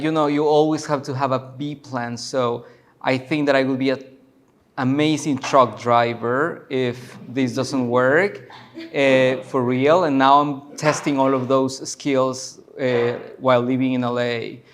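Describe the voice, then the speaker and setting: A man in his forties from Guatemala, a curator giving a loose, chatty talk full of fillers and restarts at a university. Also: mid-range voice. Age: 40s. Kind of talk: casual public talk. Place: university lecture room.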